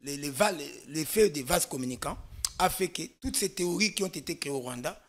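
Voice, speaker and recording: A man's voice: on the high side, expressive, a little fast. A man from Congo, a guest expert on a political talk show, explaining at length with emphasis and frequent restarts. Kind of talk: studio political discussion.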